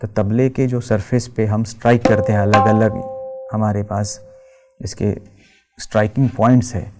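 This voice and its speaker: A man's voice: lowish voice, fairly even intonation. A male tabla teacher giving a lecture, explaining terms patiently and mixing in English words. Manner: slow, explanatory, recites bols rhythmically, mixes English terms. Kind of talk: lecture with spoken tabla syllables. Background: tabla music.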